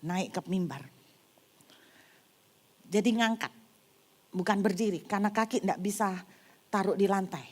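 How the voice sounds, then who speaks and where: A middle-aged woman pastor preaching a sermon, telling stories in an animated way and acting out the scenes. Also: mid-range voice. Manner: animated storytelling, acting out scenes with cries and shouts. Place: church service in a hall.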